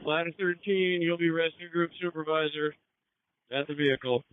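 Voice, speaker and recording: A man with a slightly high, clear voice speaks as a fire incident commander over a dry, muffled two-way radio. He gives urgent, clipped orders to his units. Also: steady tone, normal speed, dry recording. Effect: two-way radio transmission. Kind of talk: radio dispatch traffic, issuing orders to units. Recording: dry, band-limited emergency radio scanner feed.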